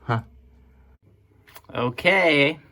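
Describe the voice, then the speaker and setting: A man with a slightly high, animated voice, bright and forceful with drawn-out words, gives casual, off-the-cuff commentary at a workbench. He's a hobbyist restorer and video host who mutters wry, sarcastic asides as he goes.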